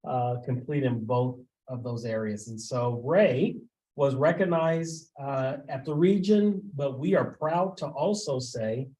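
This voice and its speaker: A man, a school administrator, giving a formal report at a board meeting and often pausing on filler sounds. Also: medium pitch, warm tone, rough recording. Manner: halting, with frequent filler sounds.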